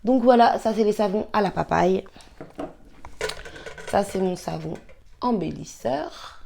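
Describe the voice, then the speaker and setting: A woman's voice: mid-range voice, measured pace, creaky, dark tone, slight background noise. Chatty woman vlogging a home recipe. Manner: chatty, rambling with many fillers and restarts; apologetic asides while working with her hands. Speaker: beauty vlogger. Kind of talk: casual how-to vlog.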